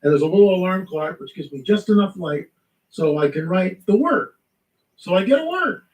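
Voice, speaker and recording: A man telling a spiritual testimony in lively storytelling, acting out the voices in his story. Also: high-pitched, moderate pace, roomy sound, far from the mic, rough recording. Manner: animated storytelling, acts out quotes. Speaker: guest. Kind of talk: testimony in a talk show.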